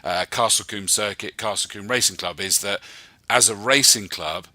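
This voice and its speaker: A man's voice: fairly low pitch, moderate pace, pushed and bright, no echo. A man hosting a racing club chat show, enthusiastic and talking in long run-on sentences. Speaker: host. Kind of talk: casual interview chat.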